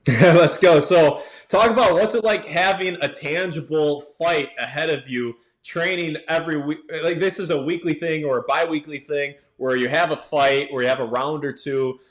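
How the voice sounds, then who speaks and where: Male sports interview host, fairly high voice, informal delivery with repeated phrases. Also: normal speed.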